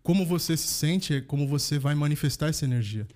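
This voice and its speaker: A man's voice: on the high side, animated, fast talker, a little mellow. A man in a casual podcast chat giving slangy, reflective advice.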